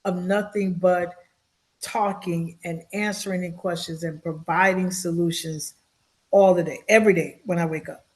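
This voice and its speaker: A woman's voice: fairly low pitch, fairly even intonation, moderate pace, darkish tone. A woman in her fifties, a social worker, talking in a podcast interview in an earnest, emotional way, often repeating her words. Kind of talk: heartfelt interview talk.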